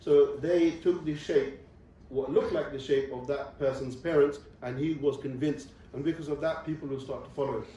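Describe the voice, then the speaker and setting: A distant mic in a very echoey university lecture room records a young visiting Islamic speaker giving students a religious lecture, with dull audio and slight background noise. He speaks at normal speed in a mellow, mid-range voice with fairly even intonation, explaining step by step and regularly checking in with "okay."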